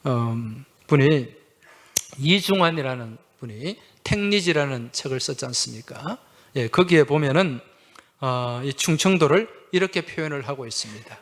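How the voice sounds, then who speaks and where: A man's voice: on the high side, lively intonation, measured pace, a bit bright. A male pastor delivering a Sunday sermon in a slightly raised voice. He keeps it conversational, putting questions to the congregation and answering himself with a short "yes". Humorous anecdotes come easily to him.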